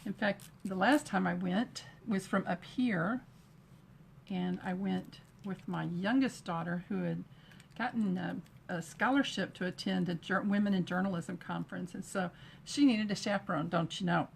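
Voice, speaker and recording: A woman's voice: on the low side, normal speed, gravelly, slight background noise. A middle-aged woman from Texas, chatting and greeting viewers as she demonstrates a craft project during a live stream. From Texas, USA. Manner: chatty, greets viewers while working with her hands.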